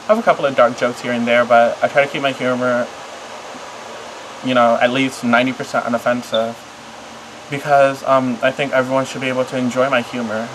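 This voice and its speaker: A vlogger talking casually and confessionally to camera in a halting, rambling, apologetic way that often trails off. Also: mid-range voice, steady tone, noisy background. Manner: apologetic, self-conscious.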